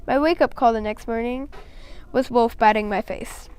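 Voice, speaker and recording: A woman's voice: a little high, moderate pace, darkish tone, slight background noise. A woman reading a first-person children's story aloud in a plain storytelling manner, with a few small slips.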